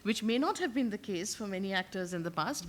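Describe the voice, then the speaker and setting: A woman's voice: medium pitch, animated, brisk. A woman speaking analytically and without a script as a panellist in a public discussion.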